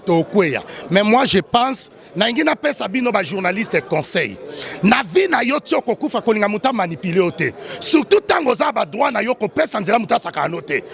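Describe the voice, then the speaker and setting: Gravelly high-voiced man, heated. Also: a bit bright. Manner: heated and emphatic, addresses reporters as papa. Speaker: pastor interviewed by press. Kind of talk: street interview.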